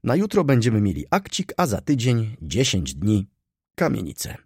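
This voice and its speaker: A pompous, jovial lawyer, as a male reader plays him, speaking formally in a husky voice with lively rises. He sounds pleased with himself and precise. The recording is dry and close. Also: fairly low pitch, normal speed, dry recording, voice pushed up, exaggerated voice. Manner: formal, self-satisfied, laughing.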